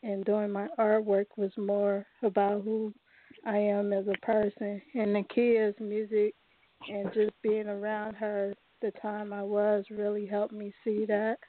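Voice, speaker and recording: A woman's voice: mid-range voice, completely flat delivery, unhurried. A woman calling in to a radio show over the phone, speaking earnestly and from the heart. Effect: heard over a phone line. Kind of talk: call-in chat. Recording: tinny phone line.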